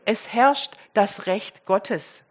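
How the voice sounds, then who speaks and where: A woman delivers a sermon at a medium pitch, addressing her congregation directly with rhetorical questions. She swings between loud emphasis and quiet asides, drawing out her words. The audio sounds dull.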